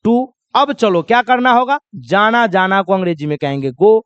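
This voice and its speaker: A man's voice: sits high, animated, normal speed, clean tone, dry recording, lo-fi sound. A man teaching spoken English in a lesson, drilling example sentences and asking and answering his own questions. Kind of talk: classroom lesson.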